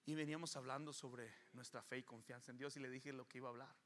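A man in his thirties preaching a bilingual sermon as a pastor, switching between Spanish and English and building to forceful exhortation. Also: medium pitch, fairly even intonation, fast. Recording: echoey hall with long reverb.

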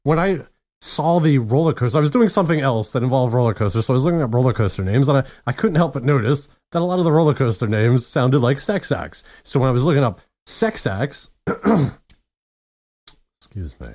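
Brief: man, podcast co-host, loose rambling storyteller, laughs a lot, mid pitch. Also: animated, brisk, darkish tone. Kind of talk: casual chat.

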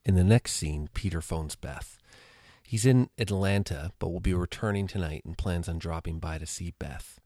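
A man's voice: sits low, normal speed, no echo, clean studio sound. A man hosting a podcast, retelling an old crime episode scene by scene with wry, sarcastic asides. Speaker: podcast host. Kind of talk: casual episode recap. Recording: loud music behind the voice.

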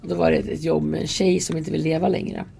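A woman's voice: sits low, little pitch movement, gravelly, dark tone, slightly rough. A woman, a guest in an interview, telling stories in a candid, earnest way and acting out quoted dialogue. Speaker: interview guest, subway security worker. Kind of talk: casual conversational storytelling.

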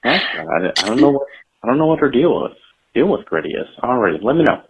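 A man's voice: medium pitch, big pitch swings, fairly quick, creaky, slightly rough. A man leaving a casual, chatty voicemail over a phone line, losing his thread as he talks. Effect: voicemail played over a phone line. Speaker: voicemail caller.

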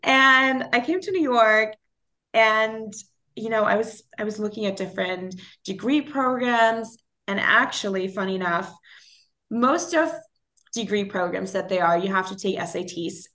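A woman in her twenties, by birth, tells her story in relaxed conversation. She laughs easily and often restarts her sentences, filling gaps with small hesitations. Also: medium pitch, unhurried. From Germany (Berlin). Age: 20s. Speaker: guest, interior designer. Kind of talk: casual interview conversation.

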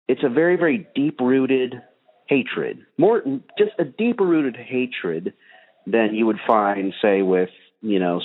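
A man hosting a call-in show over the phone, talking in a casual, rambling way with many ums and uhs. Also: mid-range voice. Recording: tinny phone line.

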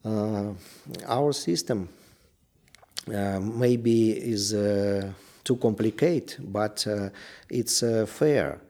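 A man with a Russian accent answering interview questions in halting English, pausing often to search for words. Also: lowish voice, a little mellow. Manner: hesitant, searching for words in simple phrasing. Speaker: sports federation official being interviewed.

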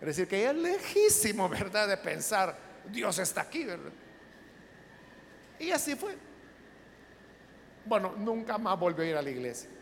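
A man's voice: sits high, very animated, normal speed, creaky, pauses often, in a large hall, slight background noise. A male pastor, telling a testimony from the pulpit in a conversational storytelling way with frequent asides.

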